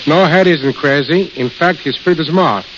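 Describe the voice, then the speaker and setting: On a 1930s radio show, a plain-spoken studio caterer appears as an interview guest and tells anecdotes. His voice is on the high side and a bit bright, at a normal speed, heard through a dull, hissy, crackly recording of the era.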